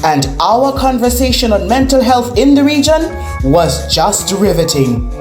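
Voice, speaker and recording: A woman's voice: fairly high pitch, sing-song, measured pace, a little mellow. A woman host reading a scripted show introduction in an upbeat announcer manner. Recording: echoey room with music under.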